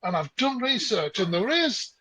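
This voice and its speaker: A man's voice: sits high, sing-song, normal speed, pushed and bright, breathy edge, no room sound, low-quality recording. A man co-hosting a podcast, telling stories in a chatty, casual way. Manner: chatty storyteller. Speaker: podcast co-host. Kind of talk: casual chat.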